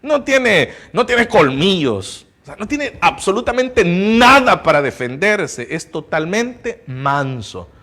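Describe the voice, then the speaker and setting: A man preaching a sermon as pastor of a church, passionate, rising to loud emphasis and dropping to hushed tones, and asking his listeners rhetorical questions. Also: high voice, big pitch swings, takes it slowly, few pauses. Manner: asks the congregation rhetorical questions.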